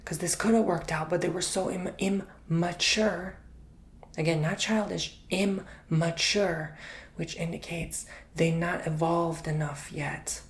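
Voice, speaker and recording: A man giving an intimate, chatty ASMR tarot reading, drifting between soft speech and whispers and calling the listener honey. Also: on the high side, fairly even intonation, moderate pace, few pauses. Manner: repeats words for emphasis. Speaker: tarot reader.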